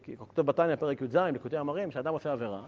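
Male Torah teacher, slightly high voice, animated and joking, dull lo-fi recording. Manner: lively, joking with listeners, rhetorical questions.

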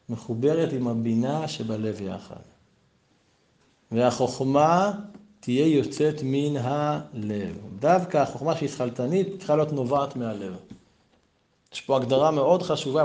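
In his Torah class, a middle-aged rabbi relies on stories and rhetorical questions, and his darkish voice shoots upward on the points he emphasizes.

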